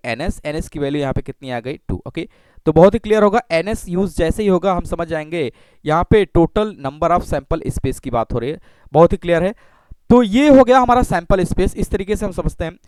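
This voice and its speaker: A man teaching a maths lesson. He explains slowly, repeats himself and keeps checking in with "okay" and rhetorical questions. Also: high voice, a little mellow, clear, resonant tone, dry recording. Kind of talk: classroom lecture.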